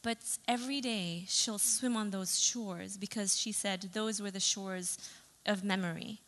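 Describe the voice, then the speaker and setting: Speaking in a steady, mid-range voice that's a bit bright and a little slow, a young Saudi photographer presents a talk in a chatty way, using fillers and correcting herself. The recording carries the long reverb of a hall.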